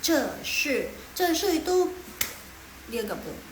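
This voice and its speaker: A young woman from Medan, Indonesia, with a Medan accent, teaches a casual live online Mandarin lesson, encouraging her students and drilling tones aloud. Her high voice is sing-song and slow. The audio is poor and roomy, with slight background noise.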